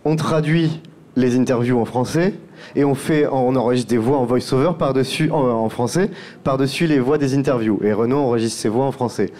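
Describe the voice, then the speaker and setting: A man's voice: medium pitch, brisk, dark tone. A man who produces podcasts, talking through his work in a round-table discussion and often restarting his phrases.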